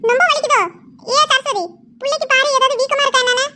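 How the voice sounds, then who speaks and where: A woman's voice: very high voice, fairly even intonation, quick pace, noisy background, voice pushed up. A woman voicing a fussing old grandmother who worries about the family. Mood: worried.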